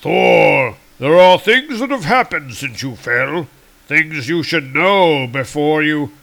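A man's voice: mid-range voice, animated, slow pace, vocal fry, sharp tone, slightly rough, exaggerated voice. A man voicing a stern, old male king of the gods from a comic, grave and solemn.

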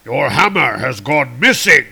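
A man's voice: medium pitch, big pitch swings, measured pace, creaky, sharp tone, slightly rough, heavily acted. A man voicing a stern, old male king of the gods from a comic, grave and solemn.

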